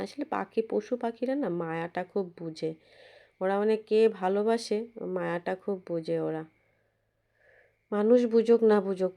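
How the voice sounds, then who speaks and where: A woman narrating a home vlog as a casual voice-over. Her voice is hoarse and cracked from a cold, and she rambles and restarts her words. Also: mid-range voice, dark tone. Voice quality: husky, cracked voice. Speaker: vlogger narrating her visit. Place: indoors, voice-over recorded at home. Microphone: phone.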